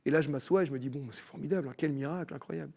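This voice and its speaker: A man telling his personal faith story as a TV guest, in an animated storytelling manner with many restarts. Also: a little high, very fast, gravelly. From France. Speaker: guest musician. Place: TV studio.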